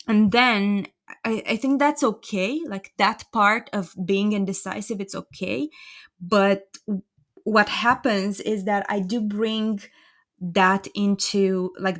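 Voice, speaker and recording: Woman, Romanian accent, podcast guest, thoughtful, self-deprecating, mid-range voice. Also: medium pitch. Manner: thoughtful, self-deprecating, chuckles while talking. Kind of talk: casual conversational interview.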